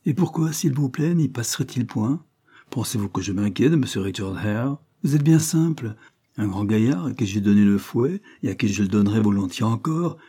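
A man's voice: on the low side, lively intonation, moderate pace, dark tone, husky. A man reading aloud voices a brusque, stern old spinster who scolds curtly. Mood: stern scolding. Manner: curt and scolding.

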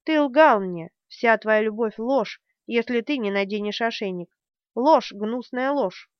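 A woman reading the part of a young woman who forcefully demands and shouts while hiding heartbreak, in an audiobook character reading. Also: medium pitch, a little slow, no echo, lo-fi sound, close to an everyday voice. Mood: harsh, shouting.

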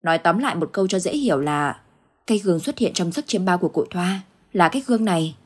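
Woman reading as an anxious, stubborn old village husband; low, husky voice. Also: lively intonation, fast. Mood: denying.

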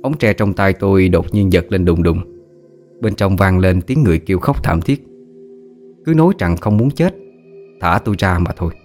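Low-voiced male storyteller. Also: normal speed, long pauses, darkish tone, faint music behind. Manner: vivid, descriptive storytelling. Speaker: narrator. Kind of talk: first-person story narration.

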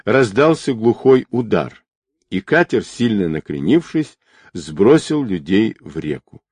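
Expressive male audiobook narrator, low voice. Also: a little slow, husky, no echo, clean studio sound.

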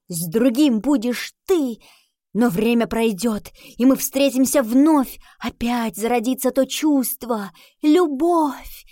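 A woman's voice: on the high side, a little mellow, no echo, studio quality. A woman voicing an earnest lovesick schoolboy who fancies himself a romantic poet and recites verse pompously, in an audiobook. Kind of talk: audiobook reading.

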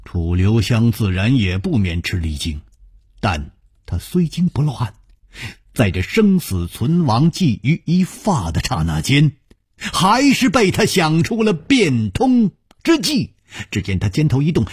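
A man telling a traditional Chinese story with dramatic, drawn-out phrasing. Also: mid-range voice, a little mellow, slightly rough, no room sound, studio quality.

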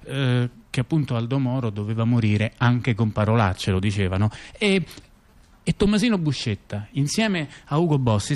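A stage actor-narrator with a natural, medium-pitched voice plays a chatty intellectual recounting scandals to a listener in a conversational monologue. His sardonic delivery is halting and repetitive, packed with rhetorical tag questions.

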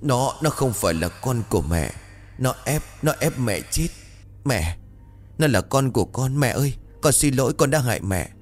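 A man's voice: mid-range voice, expressive, normal speed, faint music behind, voice pushed up, close to an everyday voice. A man voicing a wailing mother's ghost. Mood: frightened. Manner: pleading, broken, repeating words.

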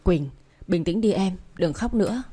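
A woman voices a stern young father in an audiobook romance, firm and commanding, with a low, dark and mellow tone. He sounds controlled and heavy. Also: expressive, unhurried, slightly rough. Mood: reassuring. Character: stern wealthy young father searching for his son.

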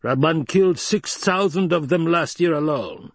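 A man's voice: mid-range voice, expressive, moderate pace, darkish tone, breathy edge, no room sound, pitched above the performer's own voice. A man voicing a fat, scheming baron in an audiobook, pompous, blustering and petulant. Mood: blustering, scornful. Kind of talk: dramatized audiobook reading.

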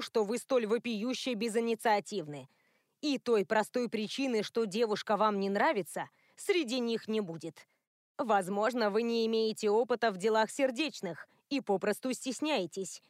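A woman's voice: fairly high pitch, no room sound, studio quality, close to an everyday voice. A woman reading the part of a bossy, caring older secretary who scolds and teases. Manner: scolding, teasing.

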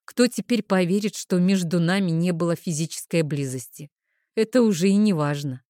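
A woman narrating a first-person audiobook in a calm, even storytelling manner. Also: fairly low pitch, moderate pace, dry recording, studio quality.

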